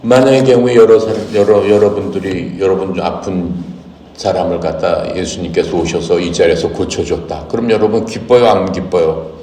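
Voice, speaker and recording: A man's voice: deep voice, steady tone, moderate pace, dark tone, slight background noise. A man reading a Bible passage and then preaching on it, asking his congregation questions as he explains it. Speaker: pastor. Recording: echoey hall, voice from far off.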